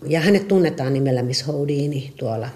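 A middle-aged woman chatting casually about her dog, lively and often stumbling over repeated words. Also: low-pitched. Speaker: dog owner interviewee. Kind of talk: casual personal storytelling.

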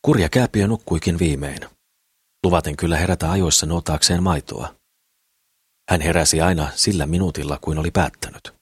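Man narrating an audiobook, calm steady read, really deep voice, dry close sound. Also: husky, no room sound.

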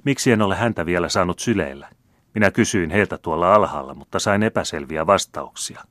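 A man voicing an excitable eighteen-year-old young count, asking question after question. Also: deep voice, dry recording, studio quality. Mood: eager. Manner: breathless, questioning.

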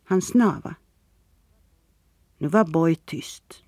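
An audiobook narrator reading fiction in an even, steady way, mid-pitched for the voice. The sound is close and dry, with no room behind it. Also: no echo. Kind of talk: scripted narration.

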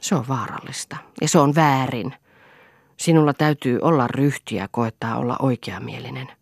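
A woman's voice: extremely low pitch, creaky, no room sound, clean studio sound, heavily acted. A woman voicing a firm, cool-headed wife in an audiobook, speaking earnestly and with a moralizing tone. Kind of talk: audiobook character reading.

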